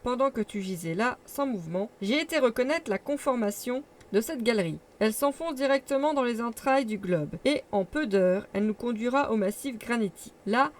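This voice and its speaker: A woman's voice: on the high side, lively intonation, fairly quick, few pauses, close to an everyday voice. Woman reading as a stern, stubborn old professor. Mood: firm. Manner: stern, insistent. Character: stubborn older male professor, obsessed explorer.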